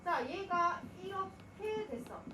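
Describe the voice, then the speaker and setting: A woman lectures on grammar in a high, animated voice, firing questions at her students and then answering them herself. She sounds a little distant from the mic, in an echoey room. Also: slow, noisy background. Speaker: Korean grammar teacher.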